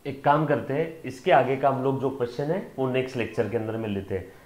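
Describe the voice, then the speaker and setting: A man's voice: medium pitch, fast, darkish tone. Man teaching commerce in an echoey room. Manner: coaxing, checks students' understanding; mixes Hindi with English terms. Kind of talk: online lecture.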